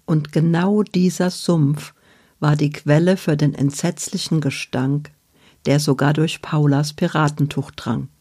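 A woman reading a children's book aloud in a deliberate storytelling manner. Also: deep voice, warm tone, no echo, clean studio sound.

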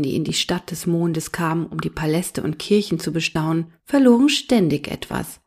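A woman reading a storybook aloud in a lively, expressive narration. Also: on the low side. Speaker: audiobook reader.

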